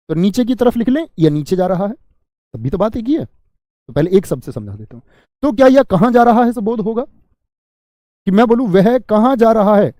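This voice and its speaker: A man's voice: high voice, mellow, no room sound. Man, grammar teacher, online lecture, repeats key words, calls students friends, dry close sound. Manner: asks students questions and answers them himself.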